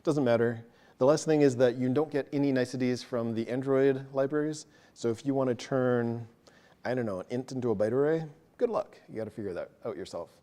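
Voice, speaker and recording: A man presenting a technical talk to a live audience, quick and casual, joking about himself. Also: mid-range voice, warm tone. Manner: fast, casual, self-deprecating. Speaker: meetup presenter. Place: meeting room with an audience.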